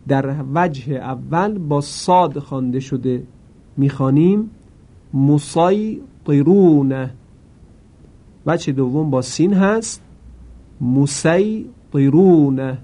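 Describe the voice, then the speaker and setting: A man gives a Quran reading lesson. His voice is mellow and sits a bit high, and he explains slowly and carefully. Now and then he chants a single word, drawn out and louder. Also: husky. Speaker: Quran recitation teacher.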